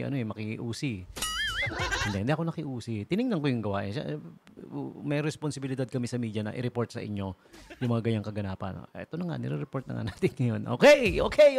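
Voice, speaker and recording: A man's voice: mid-range voice, vocal fry. A man hosting a casual radio show, rambling and joking, laughing often and mixing in English phrases. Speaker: radio DJ host. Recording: radio broadcast with faint music behind.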